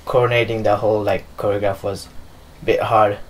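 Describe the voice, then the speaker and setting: A man's voice: fairly low pitch, level tone, brisk, rough recording. A young man from Nepal, a dancer and choreographer, answering interview questions in a loose, filler-heavy way while seated in a living room. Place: living room with leather sofas.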